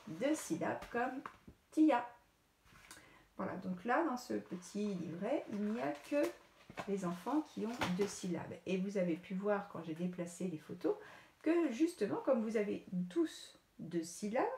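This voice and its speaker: French woman teacher, patient repetitive lesson for small children, mellow voice in a roomy space. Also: mid-range voice. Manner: slow, clear, repetitive teacher talk to children. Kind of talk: recorded lesson for young pupils. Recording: echoey room with faint noise.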